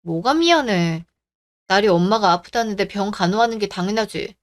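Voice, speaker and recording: A woman's voice: mid-range voice, animated, moderate pace, close to an everyday voice. A woman playing a caring grown daughter in a radio drama, insistent and worried about her mother. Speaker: daughter and wife.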